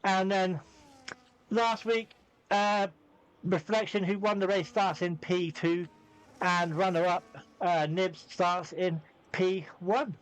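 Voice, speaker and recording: A man calls a live online race, chatting through a headset between grid rundowns and jokes. His voice sits high for a man, and his manner is loose and bantering, quick to laugh with his co-commentator. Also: fairly even intonation, smooth. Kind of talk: live sim racing commentary.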